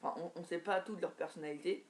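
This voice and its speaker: A man's voice: fairly high pitch, fairly even intonation. Hesitant man giving wrestling predictions. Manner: hesitant, halting, many fillers and restarts. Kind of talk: casual spoken predictions from notes.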